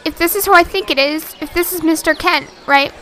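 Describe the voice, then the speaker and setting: A woman's voice: extremely high pitch, brisk, a little hiss or hum. A woman playing a chatty young friend in an amateur comedy drama, telling things casually and checking that listeners follow. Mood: chatty, urgent. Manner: animated, casual, seeks confirmation often.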